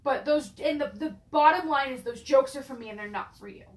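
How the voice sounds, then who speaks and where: A woman's voice: high-pitched, a little fast. A woman in casual chat who swears freely and often stammers and restarts her sentences. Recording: roomy echo.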